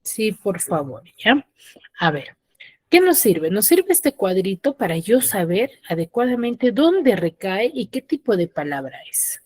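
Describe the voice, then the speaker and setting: Woman teacher, online class over a video call, mid-pitched, quizzing students with quick check-in questions, dry sound. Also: no echo. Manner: quizzes the students, often checks understanding with short tag questions. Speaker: secondary school teacher.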